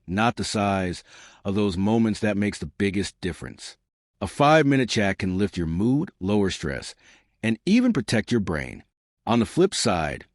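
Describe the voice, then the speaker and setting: A man's voice: lowish voice, no room sound, clean studio sound. A man reading scripted narration for a health advice video, as the narrator.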